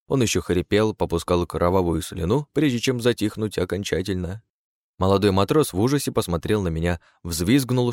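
A man's voice: sits low, darkish tone, dry recording. A man narrating a first-person fantasy audiobook, with wry, sardonic asides.

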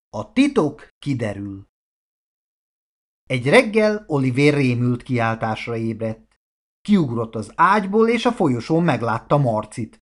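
Man reading a kids' storybook, voice bouncing up and down, mid pitch. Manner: animated, expressive reading. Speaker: audiobook narrator.

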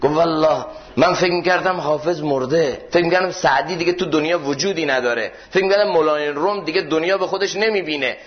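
A man giving a sermon in a mosque, telling stories and slowing down to stress key points with questions. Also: a little high. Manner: storytelling, slows down for emphasis and poses questions. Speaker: preacher. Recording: dull lo-fi recording.

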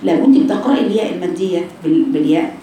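A woman's voice: on the low side, lively intonation, rapid-fire, warm tone, slight background noise. Egyptian woman teacher in an echoey room. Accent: Egyptian Arabic. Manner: drills sounds by repeating them, quizzes the class. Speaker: Quran recitation teacher. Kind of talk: classroom lesson to girls. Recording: echoey room, voice far from the mic.

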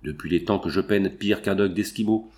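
A man voicing a ragged, drunken gold miner who shouts boasts of his strike. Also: low-pitched, normal speed, natural voice. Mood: triumphant.

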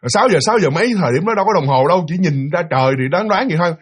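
A man's voice: high-pitched, animated, very fast, slightly rough. A man telling a spooky family story to listeners in a chatty, dramatic way, acting out the voices of the people in it. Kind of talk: spoken ghost story telling.

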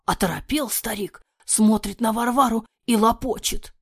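A woman narrating a fairy-tale audiobook in an expressive voice that often drops to a breathy near-whisper. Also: a little high, moderate pace, no room sound, clean studio sound.

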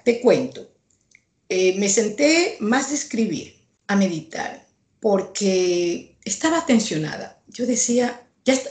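A woman's voice: medium pitch, darkish tone. A woman painter answering an interview, talking earnestly and reflectively, repeating herself for emphasis. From Ecuador. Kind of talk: conversational interview. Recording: echoey room.

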